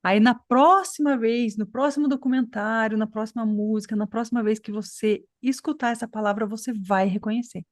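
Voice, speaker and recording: A woman's voice: on the high side, steady tone, normal speed, few pauses, dry recording, studio quality. A woman from Brazil teaching an online English pronunciation class, explaining patiently and checking in with her students often.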